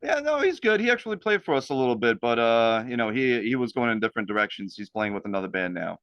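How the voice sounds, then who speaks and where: A man's voice: medium pitch, big pitch swings, quick pace, fairly bright tone, clean tone, no echo. A young man from Hungary, a native Hungarian speaker, talking as a band guest in an interview, hesitant with many fillers. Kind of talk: casual interview. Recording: dull, lo-fi sound.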